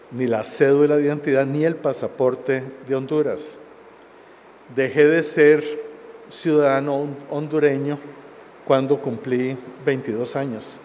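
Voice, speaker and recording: A man in his sixties giving a formal, solemn speech at a university forum, speaking slowly and deliberately into a headset mic in a large auditorium. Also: medium pitch, darkish tone, slight background noise. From Costa Rica. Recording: long auditorium reverb.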